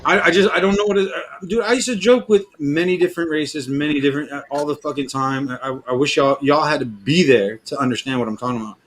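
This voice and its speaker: An excitable man chatting casually in a group, rambling, repeating himself and swearing freely. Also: a little high, fast, hardly any pauses, a little hiss or hum.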